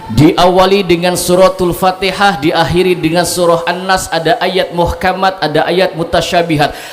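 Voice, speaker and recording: Joking preacher, echoey hall. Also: male voice, high voice, fairly even intonation, normal speed. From Cirebon, Indonesia. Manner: joking, banters with the audience. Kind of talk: religious sermon at a gathering. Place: evening religious gathering. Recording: echoey hall with faint ambient noise.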